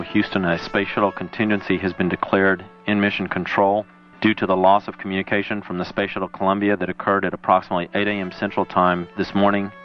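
Sex: man. Role: mission control announcer. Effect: radio transmission loop. Style: measured formal announcement. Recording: muffled lo-fi archive audio, faint music. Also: low-pitched. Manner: measured, even and procedural.

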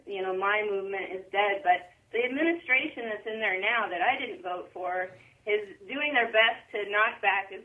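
A woman calling into a show on speakerphone, talking in an earnest, rambling, hesitant way. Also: medium pitch. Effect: phone call on speakerphone. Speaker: caller. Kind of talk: casual call-in chat. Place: at her workplace. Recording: tinny phone line, far from mic.

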